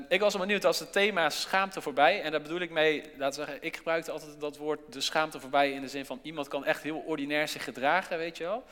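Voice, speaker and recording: Man, church speaker, casual and self-deprecating, fillers galore; higher voice, echoing in a big hall. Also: a bit bright. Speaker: church speaker leading an interactive session. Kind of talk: casual interactive church talk. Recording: long hall reverb.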